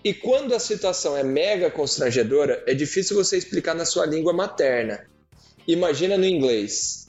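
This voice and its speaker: A man's voice: on the high side, expressive, normal speed, a little mellow, muffled recording, soft background music. A man reading a follower's story aloud in a casual podcast chat, with mock-dramatic soap-opera intonation.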